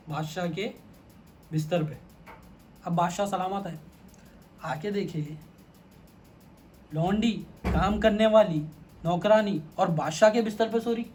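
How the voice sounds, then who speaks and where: High voiced guy telling a religious story, loose and repetitive, faint hiss. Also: a little mellow. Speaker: religious lecturer.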